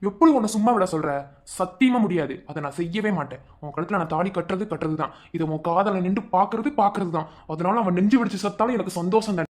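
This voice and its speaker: A man's voice: high-pitched, fast, lightly acted. A man voicing a cruel, vengeful young man in a cartoon love story, speaking in a taunting, menacing way. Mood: gloating menace.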